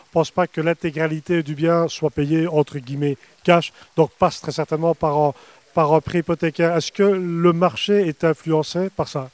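A man's voice: fairly high pitch, a little mellow, no echo. A middle-aged man hosting interviews at an evening reception, chatty and upbeat, talking into a handheld microphone outdoors. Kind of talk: event interview.

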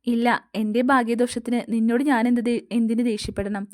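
A probing, wistful older sister figure, read by a woman in an audio story. Her voice sits fairly high and is recorded dry and close. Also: little pitch movement, a little fast, no echo, natural voice.

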